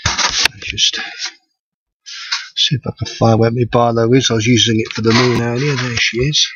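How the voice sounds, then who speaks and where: A man, an amateur astronomer, gives a live how-to commentary outdoors, thinking aloud as he works, his voice thin and tinny with no bass. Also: flat delivery, normal speed, a bit bright, a little hiss or hum. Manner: thinking aloud while working. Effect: thin tinny sound with no bass. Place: outdoors at night. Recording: dull lo-fi outdoor recording.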